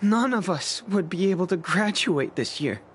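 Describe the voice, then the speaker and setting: A man's voice: high-pitched, lively intonation, normal speed, slight background noise. An actor playing an anxious young male apprentice craftsman, talking in an earnest, worried way in a video game scene. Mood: pleading. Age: young adult. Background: faint game music.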